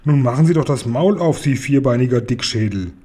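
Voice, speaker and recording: A man voicing a gruff, blustering uncle. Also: medium pitch, animated, fairly quick, warm tone, natural voice. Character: grumpy, witty middle-aged uncle, pharmacist.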